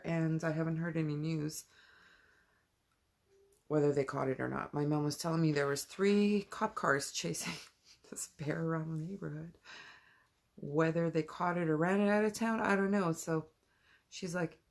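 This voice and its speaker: A woman chatting casually in a rambling late-night vlog, at home and then outside in the dark, sometimes dropping to a whisper. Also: low-pitched, gravelly. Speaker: vlogger.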